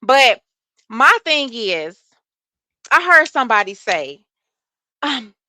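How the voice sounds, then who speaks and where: This livestream host is a soft-voiced woman with a high voice who speaks slowly, her tone bright and forceful. Sitting close to a dry mic with no echo, she replies to chat in an animated way and swears freely.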